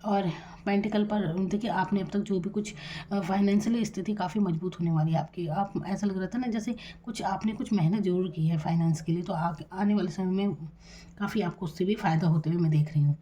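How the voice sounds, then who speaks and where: Soft-spoken woman giving a tarot reading. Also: medium pitch. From India. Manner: soft-spoken, deliberately quiet; calm, reassuring, addresses the viewer directly. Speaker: tarot reader.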